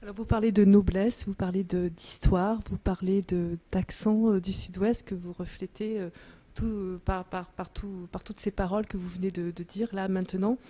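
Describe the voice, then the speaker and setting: A woman's voice: mid-range voice, steady tone, moderate pace, warm tone. A woman interviewer asking a long question, hesitant and searching for words.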